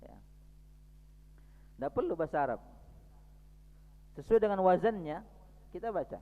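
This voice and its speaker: A man teaches at a mosque study session, lively as he reads passages aloud and then explains them. His voice sits fairly high. The hall gives it a long, ringing reverb, and the recording sounds dull and lo-fi. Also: normal speed. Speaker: preacher.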